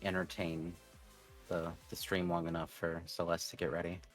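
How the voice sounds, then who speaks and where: Man, very deep voice, dry jokes, casual stream chat, faint music. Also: completely flat delivery, normal speed, low-quality recording. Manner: dry joking remarks. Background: faint background music.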